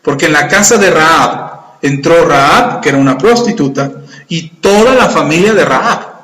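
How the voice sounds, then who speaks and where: A man preaching a sermon, retelling scripture with animated, acted-out dialogue. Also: a little high, moderate pace. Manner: animated storytelling, acting out voices in quotes. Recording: echoey hall with long reverb.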